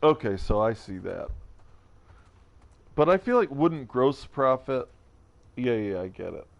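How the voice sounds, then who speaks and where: A man's voice: medium pitch, sing-song, measured pace, vocal fry. A man streaming a video game, rambling and joking about whatever comes to mind with self-mocking asides. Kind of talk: casual let's-play commentary.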